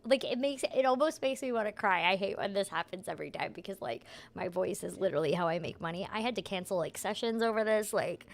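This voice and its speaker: Losing her voice, a young voice actor chats casually while streaming a game, speaking softly and hoarsely without being able to project. Her pitch sits fairly low, and she rambles through explanations peppered with "like" and "right?"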